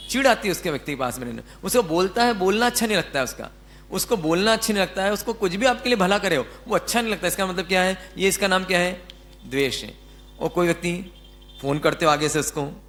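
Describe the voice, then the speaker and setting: Male spiritual teacher, high-pitched, chatty sermon style, acts out everyday quotes. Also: fairly bright tone. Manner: asks the audience questions and answers them himself. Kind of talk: Jain religious discourse.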